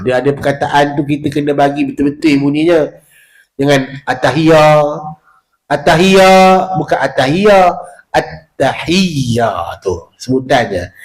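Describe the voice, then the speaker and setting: A man with a Malaysian Malay accent teaching prayer recitation at a village prayer hall, drawing out Arabic phrases slowly and stressing each sound. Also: medium pitch. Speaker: religious teacher.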